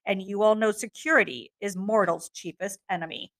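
A stern goddess of witchcraft scolds her witches in a raised, declaiming voice, as a woman teacher reads her lines aloud. The voice is bright and sits at a middling pitch. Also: normal speed, creaky. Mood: scolding.

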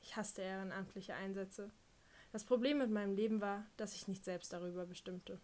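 A woman's voice: mid-range voice, fairly even intonation, normal speed, a little mellow. A woman reading a first-person audiobook narration with a dry, wry delivery.

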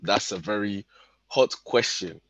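A man in his twenties, from Spain, talking about himself as a podcast guest in a relaxed way, with lots of fillers and frequent laughs. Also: on the low side, a little slow, dry recording. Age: 20s. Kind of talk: casual conversation. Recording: dull lo-fi dry sound.

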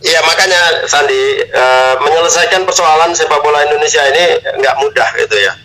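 A man, a football coach, answering questions on a radio interview, speaking in a measured, hesitant way with many filler sounds. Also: a little high, bright, forceful tone, low-quality recording.

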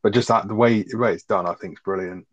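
A man with a low voice, talking fast and with strong opinions in a relaxed recap chat. He swears freely. The recording sounds dull and dry, with no room in it. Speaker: podcast co-host.

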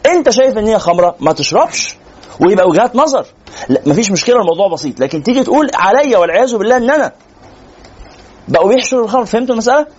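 Brief: male Egyptian sheikh lecturing, quick and animated, husky high voice, lo-fi recording. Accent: Egyptian Arabic. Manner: animated, teasing, rhetorical questions. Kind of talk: religious lecture, conversational.

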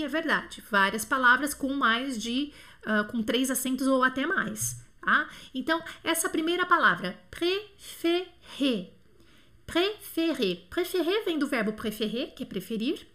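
Brazilian lady teaching french on a live, high bright voice, chatty, stretches words out slow. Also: expressive. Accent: Brazilian Portuguese. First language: Portuguese. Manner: chatty, scatterbrained asides, drawn-out slow word demos. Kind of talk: live online lesson answering questions.

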